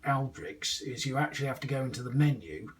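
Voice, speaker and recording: This is a young amateur CB operator, in his twenties, testing new gear in a small indoor radio room. He speaks a little fast with an expressive, medium-pitched voice recorded from a distance, chatting casually but hesitantly, rambling and full of slang.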